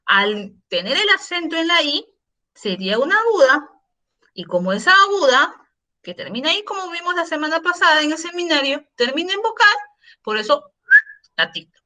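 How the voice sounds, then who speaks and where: A middle-aged woman teaches an online grammar class with a high, bright voice. Her pitch swings widely as she asks questions. She is patient and repeats her examples for the students. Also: very animated, moderate pace. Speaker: secondary school language teacher.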